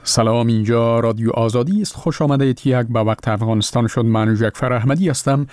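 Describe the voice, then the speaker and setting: A man's voice: medium pitch, a little mellow, no echo, studio quality. Afghan male radio presenter over faint music. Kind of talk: scripted programme introduction.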